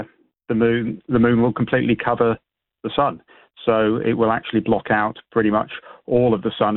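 A British man speaking as an expert guest in a radio interview, explaining informally in a hesitant, halting way with repeated words over a phone line. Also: fairly low pitch, dry recording. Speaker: astronomy expert and event organiser, radio guest. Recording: band-limited tinny phone line.

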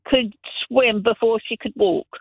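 Dialing into a radio show, a middle-aged man from Zambia tells long stories, often starting over as he goes. His very high voice is slightly rough and a little slow, with fairly even intonation, heard dry over a tinny telephone line in a casual phone-in.

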